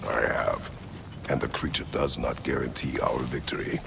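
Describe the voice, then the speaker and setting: A man's voice: extremely low pitch, flat delivery, normal speed, creaky, background noise, full character voice. An actor playing a grave, battle-weary older warrior father in a video game, terse and somber, with a growling voice. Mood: stern, somber. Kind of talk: video game dramatic acting.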